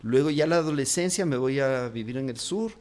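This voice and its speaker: Man, Quito Ecuadorian accent, mid-pitched, chatty interview guest, hesitant with lots of fillers. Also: fairly quick, a little mellow. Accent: Quito Ecuadorian Spanish. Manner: rambling, many fillers and restarts. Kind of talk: casual interview talk.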